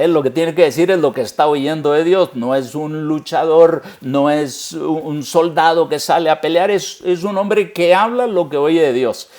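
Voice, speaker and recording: A man's voice: fairly high pitch, darkish tone. A man, a pastor, preaching a sermon earnestly and speaking straight to the listener.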